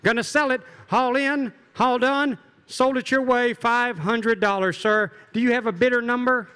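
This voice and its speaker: A man with an American accent working as an auctioneer, calling bids in a fast, repetitive, rhythmic chant with folksy patter, over a PA in a big hall. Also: very high voice, fairly even intonation, bright, forceful tone, smooth. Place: large event hall, over a PA. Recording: hall PA with long reverb.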